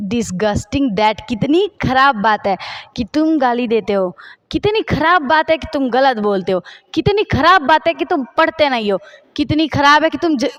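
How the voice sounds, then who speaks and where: Woman English tutor, high-pitched, patient, repeats example sentences slowly for learners. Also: fairly bright tone. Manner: repeats phrases slowly while writing examples. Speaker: English teacher. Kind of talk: spoken English lesson explained in Hindi.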